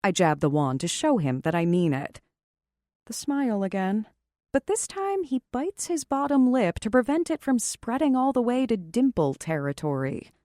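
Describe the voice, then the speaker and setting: A woman narrating a first-person romance audiobook in a wry, sarcastic, expressive way, close to the mic. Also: a little high, normal speed, dry recording.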